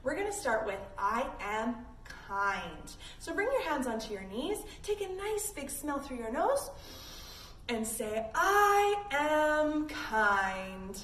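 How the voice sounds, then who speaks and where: This woman's voice is high, very animated, slow and a bit bright. Leading a read-along yoga class for little ones, she reads a picture book expressively and encourages the children with easy instructions, recorded with a distant mic in an echoey, noisy space.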